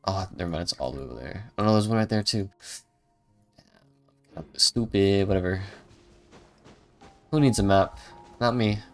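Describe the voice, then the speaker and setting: Over soft background music, a game streamer talks at normal speed in a lowish voice, leaving long pauses. His live commentary is casual, made up of reactions muttered to himself along with bits of humming and singing.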